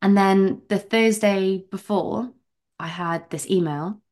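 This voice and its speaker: A young woman from England talks as a podcast guest in a relaxed interview. She tells her story in an animated, chatty way, full of "like" fillers. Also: mid-range voice, slow pace. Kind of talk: casual interview chat.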